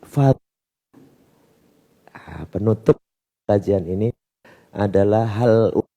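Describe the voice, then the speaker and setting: A man with a Javanese accent preaching a sermon in a mosque and telling a story. He mixes in Javanese phrases and swings between loud and soft. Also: mid-range voice, lively intonation, normal speed. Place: mosque hall. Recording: reverberant mosque hall.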